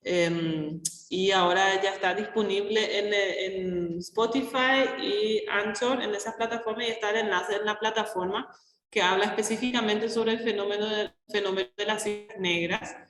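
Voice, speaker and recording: A woman's voice: mid-range voice, steady tone, normal speed, fairly bright tone. A woman lecturer talking casually and a little hesitantly to an online class, in an echoey classroom with a cathedral-like echo. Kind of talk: casual spoken class talk. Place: classroom with heavy echo, on a live video class. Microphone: open device mic, no headset.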